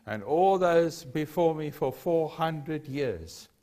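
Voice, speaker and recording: This older man is a pastor from South Africa whose first language is Afrikaans, and his accent is South African. Speaking slowly in a fairly high, warm, animated voice, he preaches earnestly in a church hall with a lectern and a cross, returning again and again to key phrases.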